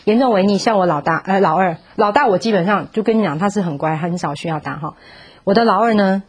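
A woman's voice: medium pitch, quick pace, breathy edge. A woman teaching a parenting class, talking in an earnest, firm way and acting out how to speak to children.

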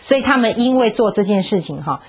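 A parenting speaker with a husky, lively voice talks quickly while telling a Bible story, coaxing her audience with questions and slipping in English words. When she quotes characters, she acts out their voices with rising pitch.

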